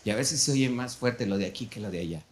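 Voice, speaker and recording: A man with a Mexican Spanish accent, a pastor telling an animated story in a sermon and acting out the dialogue. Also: medium pitch, fast, a little hiss or hum. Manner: storytelling, animated, acts out dialogue with shifting volume.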